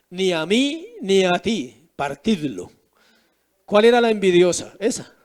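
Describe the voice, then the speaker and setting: A man preaching a sermon as pastor, asking rhetorical questions with emphatic rises and drops. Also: high voice.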